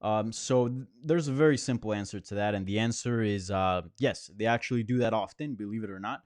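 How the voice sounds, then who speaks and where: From an apartment near a hospital, a man runs a live Q&A, casually answering viewers while rambling and restarting often with lots of fillers. His lowish, slightly mellow voice moves briskly, and the studio sound is clean with no room noise.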